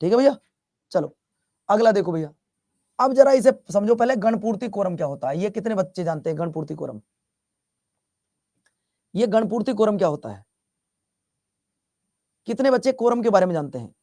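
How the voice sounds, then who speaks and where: A man's voice: high-pitched, animated, moderate pace, long pauses, mellow, dry recording, studio quality. A male teacher from Bihar giving a chatty classroom lecture, repeating his questions and teasing students as he scolds them. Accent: Bihar Hindi.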